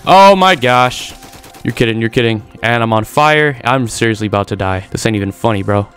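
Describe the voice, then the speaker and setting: A man giving excitable live commentary over his own video game play, trash-talking opponents and reacting as he goes. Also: on the low side, fast, clear, resonant tone. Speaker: gaming YouTuber. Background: game music and gunfire.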